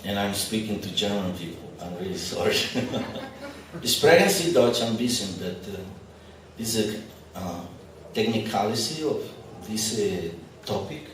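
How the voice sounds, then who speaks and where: A spiritual teacher whose first language isn't English gives a conversational, lightly humorous lecture to a live expo audience in a large, echoey venue. His voice is fairly low, animated, unhurried and fairly bright. The hall is very echoey, he stands far from the mic, and there's slight background noise.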